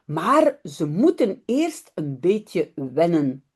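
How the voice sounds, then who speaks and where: A woman's voice: lowish voice, very animated, very slow, darkish tone, breathy edge, pitched below the performer's own voice, full character voice. Woman reading as a kindly, reassuring aunt.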